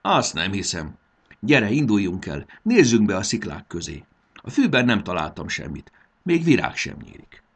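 A man's voice: on the low side, sing-song, slightly rough, exaggerated voice. A man voicing a young boy who boasts and acts brave while he is afraid of heights. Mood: cheerful, bossy. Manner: boastful, then nervous and bracing himself. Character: adventurous young boy, proud but scared of heights.

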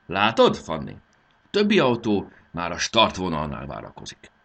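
A man reading aloud and voicing an eager young boy at the wheel, talking in excited exclamations. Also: deep voice, creaky, exaggerated voice. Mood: steady.

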